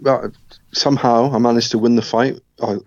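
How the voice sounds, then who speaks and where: A middle-aged man from Scotland, speaking as an interview guest and telling his life story in a reflective, measured way with frequent restarts. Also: medium pitch, little pitch movement, no room sound, dull audio.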